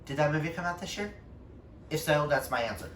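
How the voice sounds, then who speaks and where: A book YouTuber talks casually to camera, his fairly high, slightly bright voice animated and fairly quick, with emphatic exclamations throughout. The recording has a roomy echo, a distant mic and faint noise.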